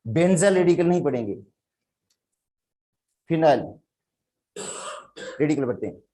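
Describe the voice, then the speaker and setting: A man's voice: on the high side, lively intonation, measured pace, dark tone. A man from Pakistan with a Sindhi accent, teaching chemistry in a classroom lecture and explaining step by step while calling his students "beta".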